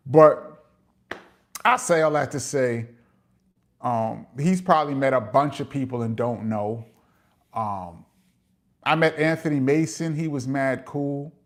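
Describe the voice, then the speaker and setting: A man's voice: medium pitch, slow, pauses often. A middle-aged man with a New York accent, hosting a casual live chat and reading out viewer comments, chatty, with frequent "um" fillers and laughs.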